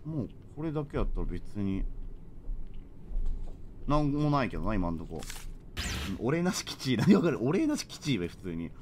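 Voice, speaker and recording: A man streaming a horror game, reacting with excitable, jumpy outbursts and rapid joking asides. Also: mid-range voice, slight background noise. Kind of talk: live horror game commentary.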